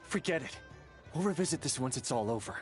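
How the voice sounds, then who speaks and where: A man voicing an earnest, emotional young master who frets over his comrade in a video game, speaking in a halting, expressive way. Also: medium pitch, faint music behind, close to an everyday voice. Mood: exasperated, caring.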